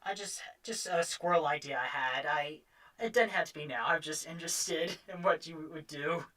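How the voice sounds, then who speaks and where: Low, bright woman rambling on stream. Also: moderate pace, far from the mic. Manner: rambling, jumps between thoughts. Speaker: livestream host painting on stream. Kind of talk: casual livestream chat. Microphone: streaming setup.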